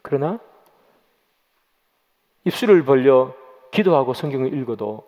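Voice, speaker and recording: A man's voice: mid-range voice, expressive, a little slow, dark tone. A man preaching a sermon as pastor, dramatic and questioning the congregation, acting out quoted voices. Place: church sanctuary. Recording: long church reverb.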